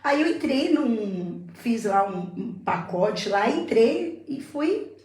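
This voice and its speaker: A woman's voice: fairly high pitch, animated, slow, darkish tone. Woman telling a testimony in an echoey room. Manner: emotional faith testimony, repeats herself. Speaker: guest. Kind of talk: casual chat, testimony.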